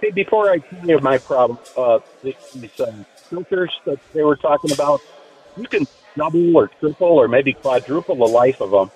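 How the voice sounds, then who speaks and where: A man calling a radio show from his car over a muffled Bluetooth phone line, rambling and halting with many fillers. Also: fairly high pitch, expressive, slightly rough. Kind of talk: call-in chat. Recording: tinny, hard-to-hear phone call over car Bluetooth.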